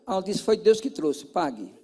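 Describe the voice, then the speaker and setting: Man, Brazilian Portuguese accent, pastor, sermon, storytelling, repeats for emphasis, high-pitched. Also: moderate pace. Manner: animated, acts out dialogue, repeats for emphasis.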